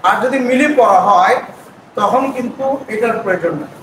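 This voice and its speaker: A man teaching prayer recitation, patiently breaking words into syllables and chanting them slowly. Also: high voice. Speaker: religious teacher. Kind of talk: explaining pronunciation step by step. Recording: echoey room, distant mic, noisy.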